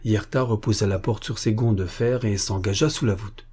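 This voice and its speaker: A man reading an adventure novel aloud as an audiobook, in a measured, even narration. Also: lowish voice, husky.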